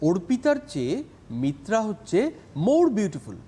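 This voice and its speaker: A man's voice: high voice, sing-song, unhurried, warm tone, breathy edge. Man teaching English. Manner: mixes Bengali and English, stresses words and syllables. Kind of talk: TV classroom lesson.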